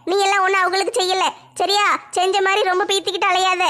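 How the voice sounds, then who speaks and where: A woman voicing a meek, put-upon young daughter-in-law in a comedy skit, slower and plaintive. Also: extremely high pitch, little pitch movement, bright, forceful tone. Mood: defensive.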